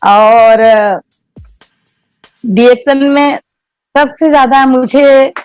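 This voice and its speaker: A middle-aged woman giving an emotional, heartfelt personal testimonial, telling her story in a lively way. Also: high-pitched, dry recording, rough recording.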